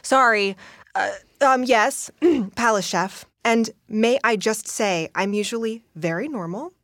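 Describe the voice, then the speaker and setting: An actress playing a bubbly, impulsive young woman cook who gushes excitedly. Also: on the high side, unhurried, no echo, studio quality. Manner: gushing, excitable. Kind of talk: audio drama acting.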